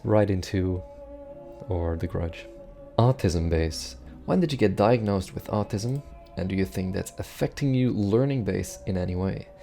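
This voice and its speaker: Low gravelly young man, fading voice. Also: warm tone. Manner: dry, self-deprecating, offhand. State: losing his voice. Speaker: bass cover channel host. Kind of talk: casual Q&A answering viewer questions.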